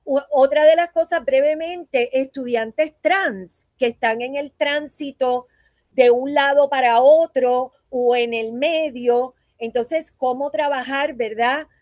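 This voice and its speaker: Speaking slowly in a high-pitched, slightly mellow voice on a dry recording, this woman from Puerto Rico teaches voice and acting. At a conference talk, in Puerto Rican Spanish, she reflects earnestly and often ends sentences with "¿verdad?".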